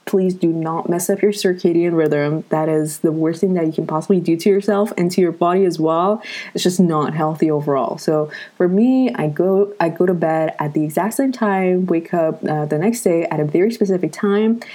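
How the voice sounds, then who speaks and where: Speaking at normal speed in a fairly low, warm voice, a host in her twenties talks casually to her viewers. She uses lots of fillers and is coming down with a cold.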